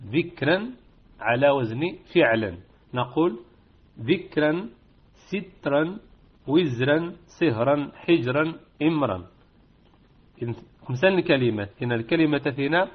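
A man's voice: medium pitch, husky. A middle-aged man, teaching a Quran recitation class, patiently repeating and drawing out example words for his students. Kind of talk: classroom lesson with dictation. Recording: dull lo-fi recording.

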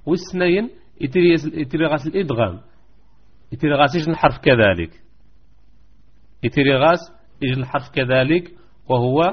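A man teaching Quran recitation rules in a live online lesson, repeating points slowly and chanting verses. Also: fairly high pitch, husky, muffled recording.

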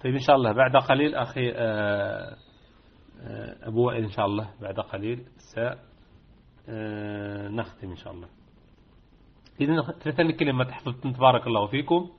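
A man's voice: medium pitch, fast, pauses often, husky. A middle-aged man, teaching a Quran recitation class, patiently repeating and drawing out example words for his students. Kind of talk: classroom lesson with dictation. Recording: dull lo-fi recording.

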